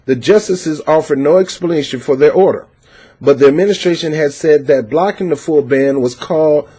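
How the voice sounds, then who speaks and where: This U.S. man has a voice on the high side, mellow with a breathy edge, at a moderate pace. He reads a news article out loud and reacts with passionate, preachy, opinionated political commentary peppered with fillers.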